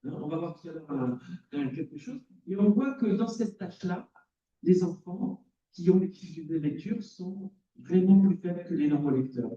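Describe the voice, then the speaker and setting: A man's voice: sits high, animated, normal speed, dark tone. A man giving a conference talk as a cognitive psychology lecturer, explaining and quizzing the audience. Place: lecture hall. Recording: roomy, distant, dull.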